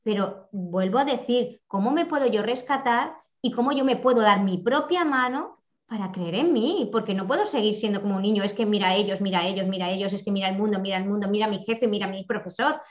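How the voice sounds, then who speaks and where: A woman giving a reflective conversational talk, animated and repeating phrases for emphasis. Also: medium pitch, quick pace. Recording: muffled lo-fi audio.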